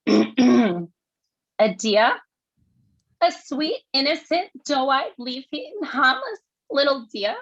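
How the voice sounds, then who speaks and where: A woman's voice: sits high, very animated, drawn-out words, pauses often, fairly bright tone, dry recording, muffled recording, pitched above the performer's own voice, exaggerated voice. A woman putting on a New York accent to play a fiery, indignant New York woman. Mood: mock sweet. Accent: put-on New York. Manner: sarcastic, building to outrage.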